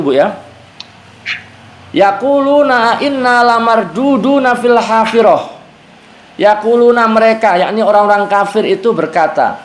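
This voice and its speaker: A male Islamic teacher explaining Quran verses to a women's study group, patiently repeating key phrases and chanting Arabic verses. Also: high-pitched. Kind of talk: Quran exegesis class. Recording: echoey room.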